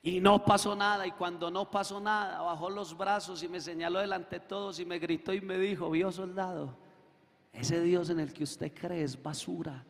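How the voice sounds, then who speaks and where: Gravelly high-voiced preacher. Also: male voice, fairly even intonation, normal speed. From Colombia. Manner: acts out quoted dialogue, swells to shouting. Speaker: preacher giving testimony. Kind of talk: sermon testimony. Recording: echoey hall with long reverb.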